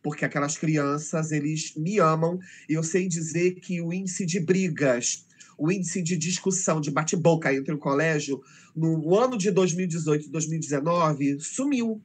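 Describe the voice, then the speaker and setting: Man, Brazilian accent, high voice, animated storyteller, emotional, middle-aged. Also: normal speed, slightly rough. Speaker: teacher, interview guest. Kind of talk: casual storytelling conversation.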